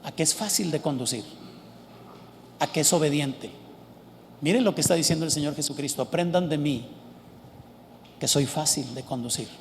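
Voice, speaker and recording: A man preaches emphatically, putting questions to the congregation. His voice sits high for a man. A long reverb from the hall trails after his words. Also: a little fast, pauses often, slight background noise. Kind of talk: sermon.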